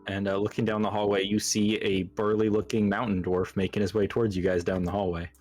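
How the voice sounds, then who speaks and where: A man narrating a tabletop game as game master, speaking casually and a little haltingly. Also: lowish voice, flat delivery, a little mellow, faint music behind.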